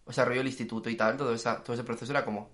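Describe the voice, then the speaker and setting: Young male podcaster, rapid and chatty. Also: medium pitch. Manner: fast, slangy, animated storytelling. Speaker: podcast co-host. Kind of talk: casual chat.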